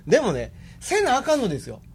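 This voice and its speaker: A man's voice: extremely high pitch, wildly swooping pitch, fast talker. A man with a Kansai accent in an argumentative casual chat, explaining himself insistently and with exasperation.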